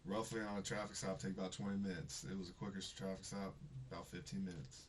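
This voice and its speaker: A man's voice: low voice, flat delivery, quick pace, far from the mic, slight background noise. A young adult man, a police officer under questioning, answering hesitantly and repeating himself.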